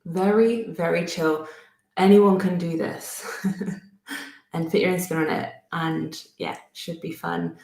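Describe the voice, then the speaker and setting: Seated at her desk in a home studio, a thirtysomething woman with a Bristolian accent leads a warm, step-by-step drawing lesson, musing aloud and making fun of herself while she works. She speaks slowly at a fairly low pitch with fairly even intonation, some vocal fry, and a darkish tone, and the room echoes. She's an art teacher.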